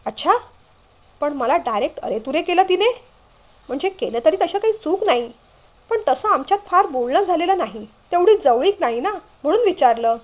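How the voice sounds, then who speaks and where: A woman's voice: high voice, animated, normal speed. A woman voicing a bashful elder brother about to marry, asking curious questions.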